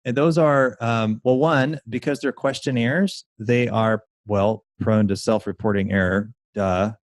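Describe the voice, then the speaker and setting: A man being interviewed as a mindset coach and speaker, explaining his method in a confident, pitch-like way. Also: fairly even intonation, a little slow, no echo, studio quality.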